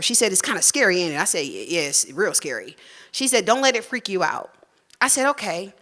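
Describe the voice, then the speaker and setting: Woman, forties, live storyteller, bright tone, animated. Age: 40s. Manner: animated, acts out quoted voices with big pitch jumps.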